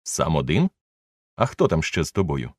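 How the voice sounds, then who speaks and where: A man voicing an excitable eccentric gentleman who gives urgent commands, for an audiobook. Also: rumbling low, normal speed, dry recording, studio quality, full character voice.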